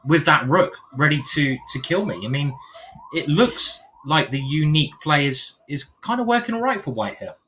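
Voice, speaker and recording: Animated, bright-voiced male chess commentator. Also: fairly high pitch, normal speed, a little hiss or hum.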